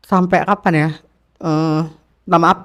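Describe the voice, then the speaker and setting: A man's voice: a little high, fairly even intonation, a little slow, a bit bright. A man from Jakarta talking as an interview guest, slangy and rambling, repeating his phrases as he talks with feeling. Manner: slangy informal speech. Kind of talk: casual confessional interview talk.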